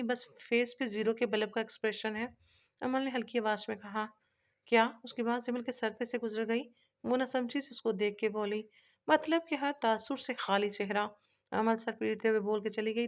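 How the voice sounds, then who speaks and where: A woman reading a romance novel aloud, voicing all the characters' dialogue in a lightly shifted voice. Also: on the high side. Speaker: narrator.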